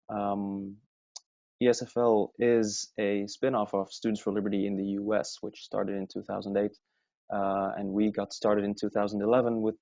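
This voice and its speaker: A man's voice: fairly low pitch, a little mellow, no echo. A man moderating a webinar, introducing the organization and the speaker in a friendly, loose way with many fillers. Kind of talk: event introduction. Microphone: computer mic on a webinar call. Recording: dry, dull webinar audio.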